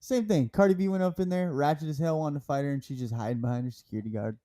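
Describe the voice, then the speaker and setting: A man's voice: fairly high pitch, fast talker, mellow. A man co-hosting a casual podcast chat, laughing often, swearing freely and playing with words. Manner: laughs often, profane, playful wordplay. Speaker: podcast co-host.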